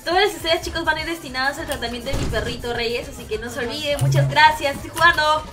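A woman's voice: high voice, fast, over loud music. A young woman streaming a game live, chatting with viewers, shrieking and swearing as she plays. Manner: excitable, shrieks and swears while playing.

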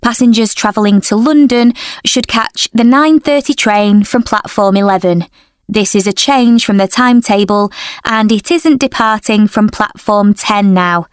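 An actress playing a polite station announcer, giving a formal, measured railway announcement for a listening exercise. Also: female voice, medium pitch, clear, resonant tone, no echo, studio quality, lightly acted. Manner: formal, measured public-address delivery.

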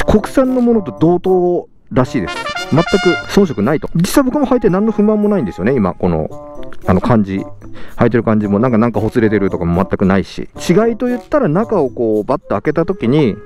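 A man's voice: medium pitch, a little mellow. A young man vlogging about his motorcycle gear outdoors in a parking lot, talking from inside a full-face helmet and often stopping to correct himself. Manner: chatty, frequent fillers and self-corrections. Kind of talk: casual vlog talk. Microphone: helmet-mounted mic, speaking inside a full-face helmet.

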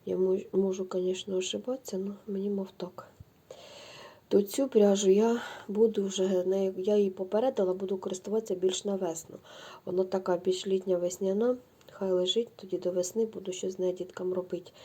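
Chatty gravelly-voiced woman vlogging yarn. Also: medium pitch, fairly even intonation, fairly quick, warm tone. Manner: chatty, effusive, addresses viewers as girls. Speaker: knitting vlogger. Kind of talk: casual show-and-tell chat.

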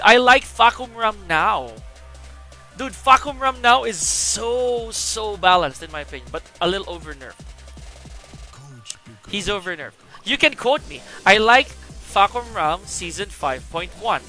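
A man giving casual live-stream game commentary, chatty and excitable as he greets viewers. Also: high-pitched.

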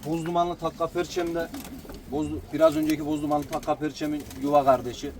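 Higher-voiced man describing birds amid outdoor noise. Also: fairly even intonation, brisk, a little mellow. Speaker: pigeon breeder showing his birds. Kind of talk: informal item-by-item description. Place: outdoors beside a pigeon coop. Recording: noisy outdoor recording with birds cooing. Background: cooing pigeons and outdoor noise.

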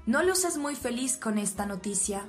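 A woman reading the lines of a cold, threatening male police officer in a flat voice. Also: fairly high pitch, normal speed, faint music behind, natural voice.

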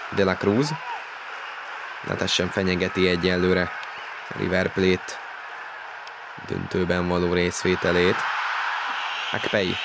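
A man with a fairly low voice commentates a football video game live in an excitable manner. His pitch climbs when play heats up. Loud stadium ambience runs behind him throughout. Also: background noise. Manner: excitable, voice jumps up on goals and chances.

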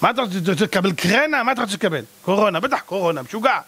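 High-voiced rabbi firing rhetorical questions. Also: male voice, slightly rough. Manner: animated, hammering rhetorical questions; blunt, scolding and mocking. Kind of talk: sermon to a live audience.

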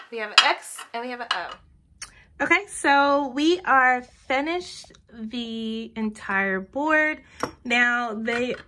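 A woman's voice: a little high, pushed and bright, slight background noise. A woman in her thirties giving casual, step-by-step craft tutorial narration.

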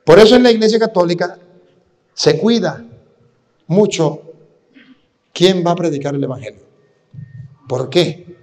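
Preaching priest in a reverberant hall. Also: male voice, high voice, unhurried, long pauses, a little mellow. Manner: teaching, asks the audience questions. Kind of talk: sermon. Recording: long reverb of a large hall.

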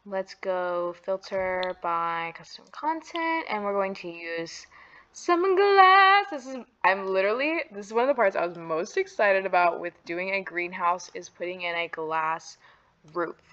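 Slow-talking gushing woman gamer. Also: medium pitch, highs cut off. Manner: gushing, excitable, slangy. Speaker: Sims builder and YouTuber. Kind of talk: casual gameplay commentary.

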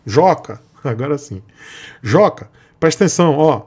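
A man's voice: on the high side, expressive, moderate pace, darkish tone, slightly rough. A man doing an anxious, pushy company buyer. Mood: urgent. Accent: Brazilian.

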